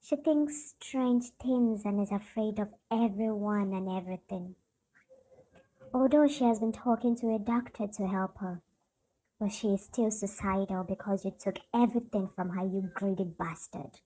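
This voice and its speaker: A woman voicing a bitter young woman who speaks softly and accusingly on her sister's behalf. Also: medium pitch, moderate pace, slightly rough, close to an everyday voice, rough recording.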